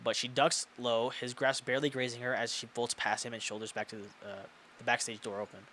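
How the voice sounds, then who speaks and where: A man's voice: mid-range voice, level tone, a little fast, bright, forceful tone, a little hiss or hum. A man reading a visual novel aloud as he plays, stumbling and correcting himself now and then. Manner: reads with self-corrections and muttered swearing. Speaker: game player narrating.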